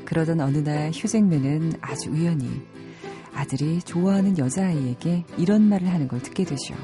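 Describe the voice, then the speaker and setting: A South Korean woman in her thirties hosts a radio movie program, shifting between scripted narration and chatty talk, close on a studio microphone. She speaks briskly in a low voice over music.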